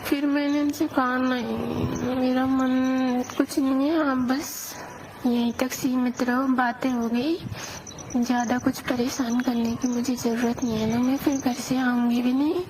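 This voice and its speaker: A woman plays a young bride, newly married, who confides in her lover during a phone-call scene in an audio drama. She speaks at a fairly high pitch, slowly and on a level tone with little melody, and her hesitant manner comes across as plaintive and defensive. Noticeable noise sits behind this amateur recording made to sound like a call.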